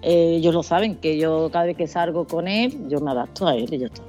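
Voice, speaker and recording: A woman chats as a podcast guest in relaxed, easy replies. Her voice sits fairly low, with faint music underneath. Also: fairly quick, muffled recording. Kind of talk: casual chat.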